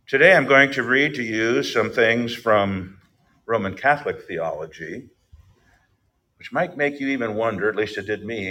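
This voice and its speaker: A man's voice: fairly low pitch, pushed and bright. A middle-aged male pastor giving a sermon, reading scripture with emphasis and then explaining it in a plainer tone.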